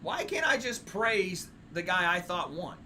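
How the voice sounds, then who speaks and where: A man's voice: high voice, big pitch swings, measured pace, sharp tone, a little hiss or hum. A man hosting a livestream with casual, slangy, opinionated banter, often repeating his phrases. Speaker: livestream host.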